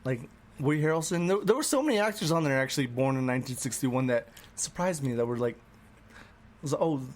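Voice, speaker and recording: A man's voice: medium pitch, expressive, fairly quick. A tipsy man co-hosting a casual podcast chat, rambling and chuckling as he talks and swearing freely. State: tipsy from drinking. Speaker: podcast co-host; musician.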